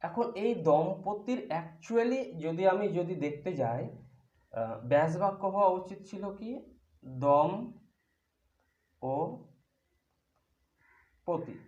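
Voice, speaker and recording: A man's voice: high voice, expressive, slow, long pauses, a little mellow. A man teaching a grammar lesson, patiently explaining each point step by step with examples. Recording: echoey room, dull lo-fi sound.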